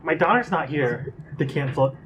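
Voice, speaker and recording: A man's voice: on the high side, lively intonation, normal speed, a bit bright. A man playing a tabletop role-playing game, teasing and joking with the group. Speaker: player. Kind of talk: casual chat at a tabletop game. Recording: noisy room recording.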